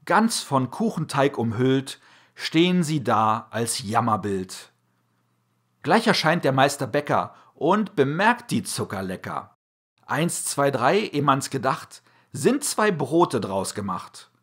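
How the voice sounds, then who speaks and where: A man narrating a children's verse tale with expressive storybook reading, calling out the sound words loudly and dramatically. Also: medium pitch, slow, husky.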